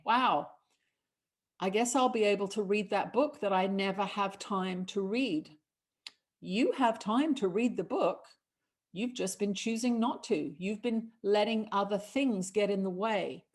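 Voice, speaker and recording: A middle-aged woman with a mid-range voice hosts a show as a spiritual channeler, offering calm, measured guidance as a collective "we" and chatting with callers.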